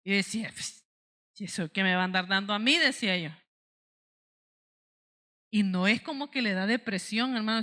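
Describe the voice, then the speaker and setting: Salvadoran woman preacher, young adult, bright ringing voice, fairly high, impassioned sermon, emphatic peaks. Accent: Salvadoran Spanish. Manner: impassioned, rising to emphatic peaks, addresses the congregation directly.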